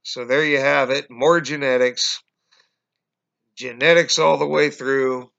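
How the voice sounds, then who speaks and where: A conspiracy vlogger in his forties gives a casual explanatory monologue to viewers from a small room at home, recorded as dull lo-fi webcam audio. His mid-range voice is steady, bright and forceful, yet he halts often with fillers and restarts, calls his viewers "guys," coughs, and is losing his voice.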